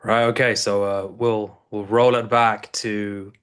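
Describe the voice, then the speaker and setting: A man's voice: fairly low pitch, level tone, slow pace, a bit bright, clear, resonant tone. A man in his thirties from South Africa, a coach and guest on an interview show, telling his story in a loose, rambling way with many restarts. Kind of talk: casual interview talk.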